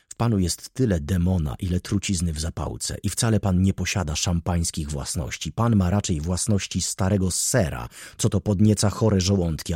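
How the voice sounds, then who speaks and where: A man's voice: low voice, darkish tone, slightly rough, dry recording, studio quality, heavily acted. Man reading as a grim, brooding merchant. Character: middle-aged man, a tense and brooding merchant.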